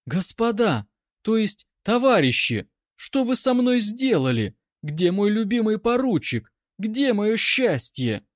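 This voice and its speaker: A man's voice: high-pitched, animated, unhurried, dry recording, clean studio sound, voice pushed up. A man voicing a melodramatic young woman, a bride who pleads and protests with overacted, tearful exclamations. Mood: tragic pleading.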